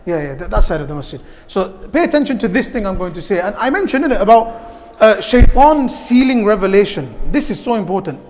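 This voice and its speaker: A high-voiced man gives a youth talk in a mosque hall. He speaks in a lively, direct way and keeps putting questions to the room. His voice carries a long hall reverb. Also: brisk, slight background noise.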